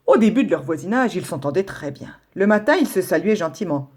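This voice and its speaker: A woman teacher reading a children's story aloud with an expressive storytelling delivery. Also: fairly low pitch, brisk, slightly rough.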